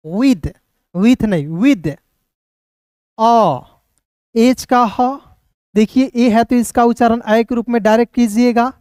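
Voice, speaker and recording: A man teaching English reading, spelling out each word letter by letter before sounding it out, speaking fairly softly and often checking that his viewers are following along. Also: sits high, smooth, no echo, clean studio sound. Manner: keeps addressing viewers as friends and checking they follow.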